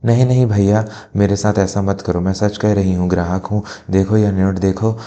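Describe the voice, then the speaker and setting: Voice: sits low, fairly even intonation, normal speed, mellow, natural voice. A performer voicing a poor, dignified elderly mother who pleads earnestly in a family drama. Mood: desperate.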